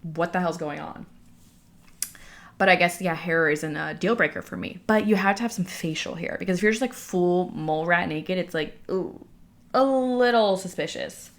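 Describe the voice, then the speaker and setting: A young woman with a slightly low voice talks as if to her followers in a casual, candid way. She is audibly out of breath, breathing heavily between phrases, and her chatty storytelling is peppered with "like". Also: normal speed. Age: young adult. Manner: chatty, filler-heavy with frequent "like". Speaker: vlogger speaking to followers.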